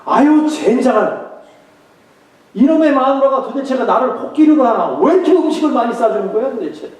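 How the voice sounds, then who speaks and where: A gruff work-site foreman grumbles loudly in mock complaint, as a preacher puts him on. The voice sits high and rings through a very echoey hall. It is picked up from well away from the mic. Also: lively intonation, a little fast, recorded from a distance. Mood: grumbling loudly. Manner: blustery mock-complaining, loud.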